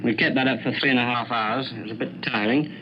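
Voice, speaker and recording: A British man, an air force pilot, giving a grave, measured, understated account in a 1940s wartime radio broadcast. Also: medium pitch, steady tone. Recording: muffled, noisy 1940s radio recording.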